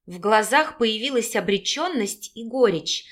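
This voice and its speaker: Audiobook narrator, woman, expressive reader, somewhat high voice. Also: measured pace.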